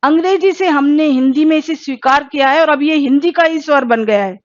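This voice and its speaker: A woman teaching a Hindi exam-prep lesson, asking questions and then answering them herself, and sounding out each vowel slowly. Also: high voice, dull audio. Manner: slow, careful pronunciation drills.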